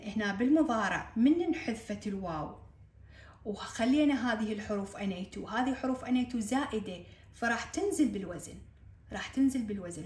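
A woman with an Iraqi accent, explaining a grammar lesson to students, repeating key points and asking whether it is clear. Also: mid-range voice, echoey room. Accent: Iraqi Arabic. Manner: repeats key points, checks understanding with questions. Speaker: Arabic grammar teacher. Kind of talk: classroom-style lesson explanation.

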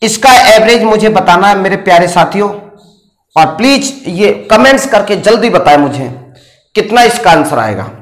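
A man's voice: high-pitched, lively intonation, moderate pace. A male maths teacher lecturing in a classroom and quizzing his students with questions. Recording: roomy echo.

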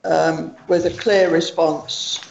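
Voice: medium pitch, level tone, takes it slowly, gravelly, a crowd in the background. A councillor politely and tentatively proposing a motion at a meeting. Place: council chamber. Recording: echoey, dull room recording.

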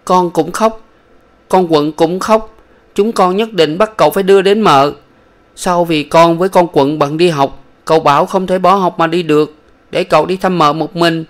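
A man's voice: a little high, moderate pace, pitched above the performer's own voice, natural voice. A man voicing an earnest, talkative young boy in a storybook reading. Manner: eager, pleading, childlike.

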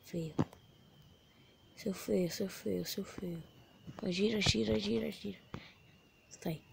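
A woman hosting a gaming channel, giving casual commentary while she plays a mobile game. She is excitable, exclaiming loudly and then dropping to whispers as she plays. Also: mid-range voice, takes it slowly, gravelly, noisy background.

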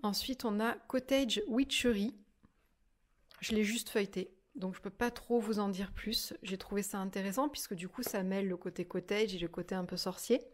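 A woman's voice: medium pitch, moderate pace. Hesitant woman chatting about books. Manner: hesitant, many fillers and restarts. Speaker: vlogger reviewing books. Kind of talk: casual chat. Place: at home by her desk.

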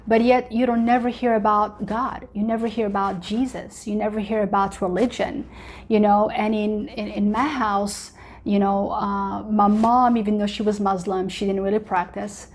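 A woman's voice: medium pitch, level tone, normal speed. A woman in her forties, born in Morocco with Arabic as her first language, sharing a personal testimony as host in an earnest, chatty way with many fillers, recorded at home. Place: home living room.

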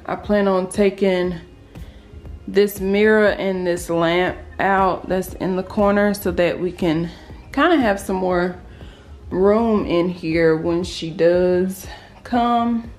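A woman's voice: lowish voice, slow pace, darkish tone, soft background music. A young pregnant woman chatting casually to her viewers in a home vlog, filmed on her phone as she shows things around the house. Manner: chatty, addresses viewers as y'all. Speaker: vlogger. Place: at home indoors. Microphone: handheld phone camera.

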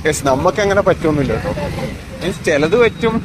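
A man, his voice sitting a little on the high side, chats to his viewers while walking outdoors. He keeps up a friendly running commentary. The sound comes from a phone camera with no separate mic, and loud traffic and street noise fill the background. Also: expressive, fast. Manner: chatty, addresses viewers as guys. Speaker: vlogger. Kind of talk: casual walking vlog. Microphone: phone camera, no external mic. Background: street traffic and passers-by.

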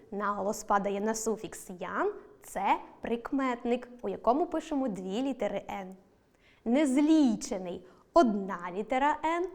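Ukrainian woman teaching a recorded lesson, voice bounces up and down a lot, slows down hard on the example words. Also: mid-range voice. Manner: slow, deliberate stress on example words.

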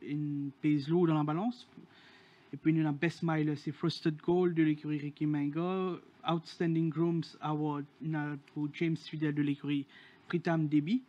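Flat-voiced man, dull audio. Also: fairly high pitch. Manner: hesitant, many fillers while reading a list. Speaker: horse racing show co-host. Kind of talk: reading out award winners.

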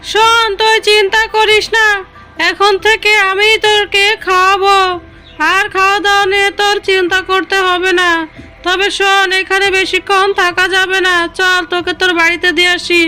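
A woman's voice: extremely high pitch, level tone, normal speed, sharp tone. A woman voicing a kindly, motherly female tree ghost in a cartoon, with a tender, doting, sweet old lady manner. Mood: tender, reassuring. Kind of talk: cartoon voice acting. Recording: music behind the voice.

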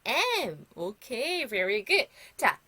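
Middle-aged woman, children's English teacher; bright, animated, dry studio sound. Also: fairly high pitch, unhurried. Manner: cheerful, coaxing, repeats words for pupils to echo.

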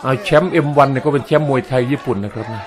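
A man's voice: medium pitch, very fast. A man with a Northeastern Thai Isan accent giving humorous play-by-play commentary on a fight, joking, chatty and chuckling often. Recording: crowd noise from fight footage.

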